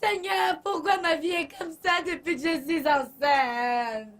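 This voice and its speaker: A tearful, demanding pregnant mistress of the house in a dubbed film, keeps the pitch very high. Her complaints come out slow and wailing. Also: fairly bright tone, distant mic. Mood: tearful, indignant. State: crying. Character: pregnant, weepy, demanding woman, lady of the house.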